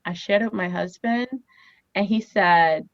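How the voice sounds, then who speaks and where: Here the therapist's voice is lowish and her pace measured, recorded without room sound and with the high frequencies missing. She's in her thirties, a native Haitian Creole speaker, telling lively stories as an interview guest and leaning on "you know."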